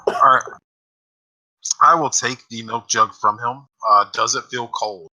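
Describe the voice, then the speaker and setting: Bright-voiced joking man. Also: mid-range voice, unhurried, rough recording. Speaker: player. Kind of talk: tabletop game banter over voice chat.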